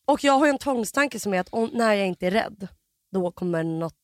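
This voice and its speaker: A woman's voice: mid-range voice, expressive, no echo. A young woman co-hosting a podcast, telling a story animatedly with lots of fillers and acted-out quotes. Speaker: podcast co-host.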